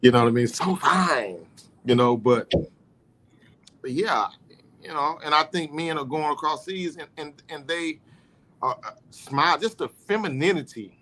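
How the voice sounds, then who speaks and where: A man's voice: a little high, animated, a little slow, bright, forceful tone. A man hosting a podcast in casual chat, rambling with lots of "you know" fillers. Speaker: podcast host.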